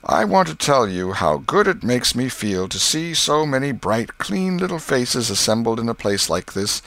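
A man's voice: medium pitch, sing-song, moderate pace, a bit bright, no echo, pitched above the performer's own voice. A man voicing an earnest, pious Sunday school superintendent with a peculiar sing-song speaking tone, raised well above his own voice. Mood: sugary, coaxing. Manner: sing-song sanctimonious speech intonation.

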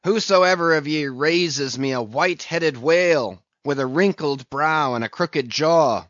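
A man's voice: mid-range voice, slow pace, fairly bright tone, no echo, lo-fi sound. A man voicing a fierce, obsessed old whaling captain in an audiobook, bellowing in declamatory, archaic seafaring speech. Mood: rousing, commanding.

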